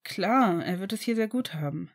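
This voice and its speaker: A woman reading a storybook, voicing a cheerful foster mother in a raised, lively voice. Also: mid-range voice, normal speed.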